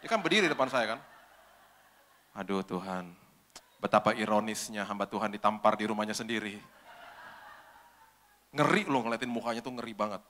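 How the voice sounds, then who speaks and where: A man pastor telling a story in a sermon, acting out the dialogue with lively back-and-forth. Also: lowish voice, fairly quick, long pauses, in a large hall, slight background noise. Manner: animated, acts out dialogue.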